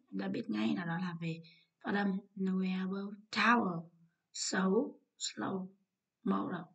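A woman teacher with a Vietnamese accent and a medium-pitched, gravelly voice patiently works through an English exam paper. In this walkthrough lesson, she explains each answer in turn.

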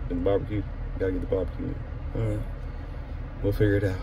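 Filming a casual travel vlog on a phone held at arm's length, this man in his thirties moves between the car, a hotel and outdoor spots, chatting easily with his son and repeating himself. He talks fast in a low-pitched, creaky voice with little pitch movement, and the background is noisy.

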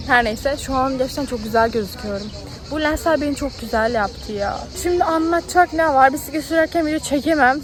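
A young woman from Bursa vlogging about her day in a blunt, outspoken, chatty way. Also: a little high. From Bursa, Turkey. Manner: blunt, outspoken, swears freely. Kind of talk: casual chatty vlog.

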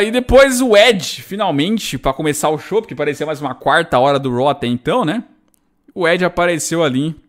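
A Brazilian man casually recapping wrestling shows, chatty and full of rhetorical tag questions. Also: medium pitch. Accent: Brazilian Portuguese. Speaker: wrestling YouTuber.

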